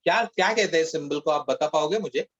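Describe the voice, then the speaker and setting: A man's voice: on the high side, brisk, fairly bright tone, lo-fi sound. A male physics teacher giving an online class, mixing Hindi and English and asking the class questions, repeating each key term.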